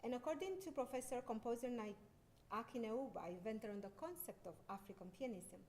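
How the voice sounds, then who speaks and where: A woman's voice: brisk, a little mellow. A middle-aged woman from Romania, a concert pianist, giving a lecture with frequent fillers and restarts. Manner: hesitant, many fillers and restarts. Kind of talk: lecture presentation. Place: lecture hall. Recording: faint background noise and rumble.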